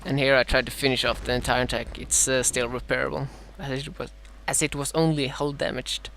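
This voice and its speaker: This Swedish beginner commentator talks through his own strategy match in a middle-pitched, slightly dry, creaky voice that's a bit bright and flatly delivered. He stops and restarts, saying "uh" a lot while fixing his phrasing, and the rough recording carries a faint hiss.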